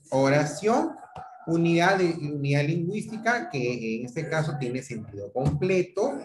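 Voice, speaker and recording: Echoey lecturing man, fairly high voice. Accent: Peruvian Spanish. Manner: explanatory, checks in with "¿correcto?" and "¿ok?". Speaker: teacher. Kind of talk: online grammar lecture. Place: home room on a video call. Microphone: computer mic on a video call. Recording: echoey room.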